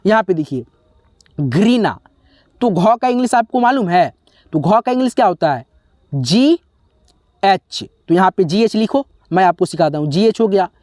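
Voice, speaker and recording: A man teaching a spelling lesson, slowly sounding out letters one by one and often pausing to check in with his viewers as friends. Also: high voice, expressive, a little mellow, no echo, clean studio sound. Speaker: English teacher.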